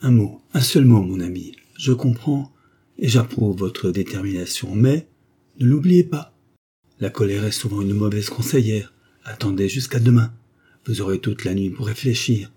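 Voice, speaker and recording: An earnest, loyal viscount who lays out grave warnings with patient persuasion, as a man voices him while reading aloud. The voice is low and dark-toned, with a husky edge. The figure is voiced in a classic novel audiobook. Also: moderate pace. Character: calm, earnest male viscount, loyal friend.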